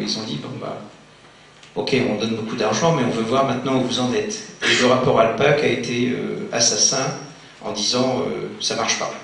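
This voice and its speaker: Conference speaker, male, relaxed lecture delivery full of restarts, booming hall echo, faint hiss. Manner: conversational, many fillers and restarts, jokes with audience. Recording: very echoey hall, faint noise.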